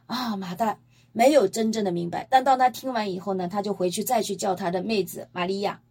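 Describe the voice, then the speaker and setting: In a Bible-teaching sermon, this woman speaks a little fast with a medium-pitched, breathy voice. Emphatic and lively, she retells scripture as a story and asks her listeners rhetorical questions.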